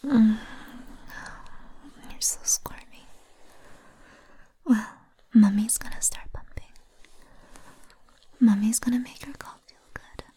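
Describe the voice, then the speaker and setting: Breathy whispering woman, slow and close. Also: on the high side, dark tone. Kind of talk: whispered ASMR roleplay.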